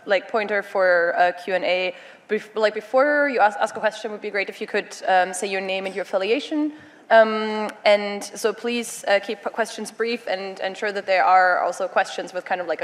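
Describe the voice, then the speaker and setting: Hesitant woman moderating a panel. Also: mid-range voice. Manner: hesitant, with many fillers. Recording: hall reverb.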